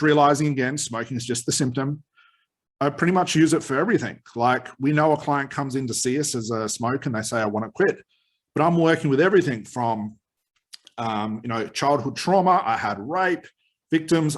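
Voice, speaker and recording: Slightly husky man explaining informally. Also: medium pitch. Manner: conversational, explanatory, repeats and rephrases key points. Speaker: hypnotherapist trainer. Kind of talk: informal explanatory lesson, answering a question.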